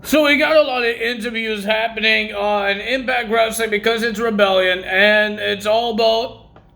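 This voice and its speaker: A man's voice: high-pitched, steady tone, moderate pace, creaky, bright, forceful tone. A man recapping wrestling results in a casual vlog, rambling and correcting himself while he has the hiccups.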